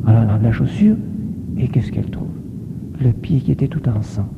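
A man giving a gentle catechism sermon with storytelling, coaxing his listeners and often asking whether they see. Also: medium pitch, very animated, brisk, gravelly, background noise. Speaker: priest teaching children. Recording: echoey hall on a tinny phone-like line.

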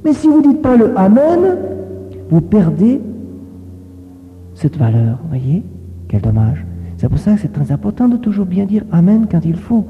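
A man's voice: sits high, huge pitch swings, measured pace, long pauses. Preaching man in an echoey, tinny hall. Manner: gentle, coaxing, keeps asking "voyez?". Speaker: priest teaching children. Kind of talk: catechism sermon with storytelling.

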